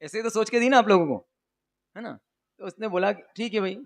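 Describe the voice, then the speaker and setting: A male preacher giving a sermon, telling lively stories, asking the audience questions and chanting vows in a rhythmic recitation. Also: high voice, a little fast, creaky. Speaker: religious preacher. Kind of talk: sermon with storytelling.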